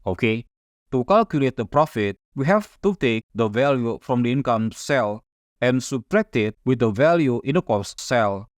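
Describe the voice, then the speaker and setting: Walking through a spreadsheet step by step, this instructor, an Indonesian native speaker, stays calm and methodical at a normal speed. His voice sits at an ordinary male mid-range pitch. It's recorded up close with a dry sound and no room echo.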